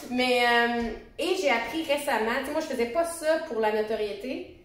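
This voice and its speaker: Casting: Québécois woman, talkative casual interviewee, slightly high voice, echo-heavy recording with faint noise. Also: normal speed. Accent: Québécois French. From Quebec, Canada. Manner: chatty, colloquial. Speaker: interior designer and podcaster, interview guest. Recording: very echoey room, faint background noise.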